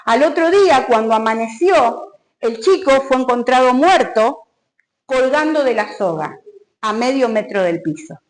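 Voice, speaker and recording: A woman's voice: high voice, animated, unhurried, rough recording. A woman pastor with a Rioplatense Spanish accent, preaching a sermon and acting out a story with dramatic rises. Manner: preaching with rising exclamations and dramatic retelling.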